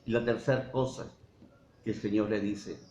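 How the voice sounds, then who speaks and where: A man with a Mexican Spanish accent preaching a sermon as pastor, asking frequent rhetorical questions and pausing for emphasis. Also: on the low side, steady tone, a little mellow. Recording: dull roomy church sound with faint hiss.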